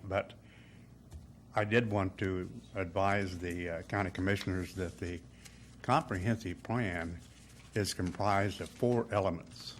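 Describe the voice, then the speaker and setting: An older man, short of breath, explains formally and haltingly at a public meeting as a planning official. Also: sits low, a little hiss or hum. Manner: halting, pausing often mid-sentence. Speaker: planning official advising commissioners.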